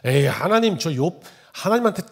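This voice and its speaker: A pastor voicing Satan as a sly, dismissive tempter who coaxes and scoffs. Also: male voice, a little high, very animated, a little fast. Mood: scoffing.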